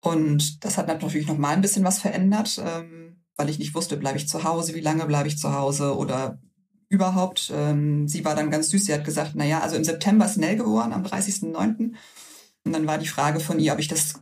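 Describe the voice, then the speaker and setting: A woman recounts her story as an interview guest in a casual, lively way. She tosses in fillers and brings the quoted dialogue to life. Her voice sits a little back from the microphone. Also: sits low, moderate pace, recorded from a distance. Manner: lively anecdotal telling with many fillers, acting out quoted dialogue. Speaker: interview guest, salon owner.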